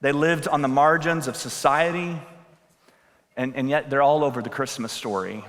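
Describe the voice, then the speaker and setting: A man's voice: medium pitch, normal speed, fairly bright tone. A man preaching a sermon into a pulpit microphone, conversational and joking, then building to emphatic appeals. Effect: speaking into a pulpit microphone. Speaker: pastor. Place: church sanctuary. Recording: long hall reverb.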